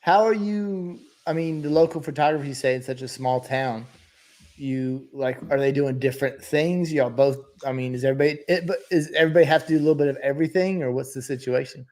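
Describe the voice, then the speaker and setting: A man's voice: fairly high pitch, fairly quick, darkish tone. A man chatting casually and informally as a co-host, with a folksy way of talking. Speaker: podcast co-host, volume photographer. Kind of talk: casual chat.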